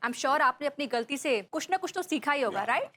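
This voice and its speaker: A woman's voice: high-pitched, expressive, brisk, a bit bright. An actress playing a poised, educated housewife who mixes English into her speech. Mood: composed. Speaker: sitcom character. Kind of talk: sitcom acting.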